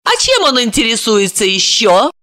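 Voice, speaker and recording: A woman's voice: a little high, big pitch swings, normal speed, bright, forceful tone, pitched above the performer's own voice. Woman voicing a fiery, jealous young woman. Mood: mocking. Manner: stormy, mocking, interrogating. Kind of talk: audiobook dialogue reading.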